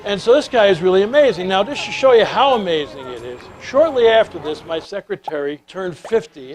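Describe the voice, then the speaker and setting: An older man delivering a keynote talk as a storyteller. His voice sits a little high for a man. He brings the quoted dialogue in his stories to life with animated delivery. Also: a little hiss or hum. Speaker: leadership speaker.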